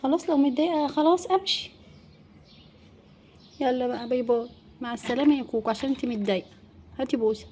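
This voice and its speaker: A woman with an Egyptian Arabic accent, talking softly and coaxingly to her cat in casual pet talk. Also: sits high, fast talker, long pauses, a little hiss or hum. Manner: soft, coaxing, sing-song pet talk. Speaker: pet channel host. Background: faint birdsong outdoors.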